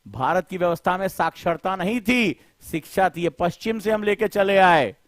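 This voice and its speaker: Man, middle-aged, live lecture, impassioned, rhetorical, high-pitched, dry recording. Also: expressive, normal speed, no echo. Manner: colloquial, addresses students directly. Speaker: coaching teacher.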